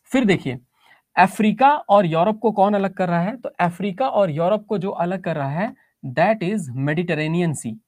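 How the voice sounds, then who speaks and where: Low-voiced woman teaching a class. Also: unhurried, darkish tone, no room sound. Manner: explains step by step, with frequent check-ins to students; mixes English words and phrases into Hindi. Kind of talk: geography class lesson.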